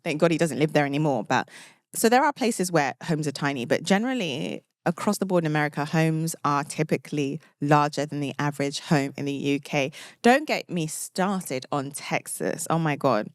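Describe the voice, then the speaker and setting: Low-voiced British woman, chatty host. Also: moderate pace, no room sound, studio quality. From United Kingdom. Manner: chatty and expressive, lots of "like" and laughter. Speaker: podcast host. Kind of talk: casual chat.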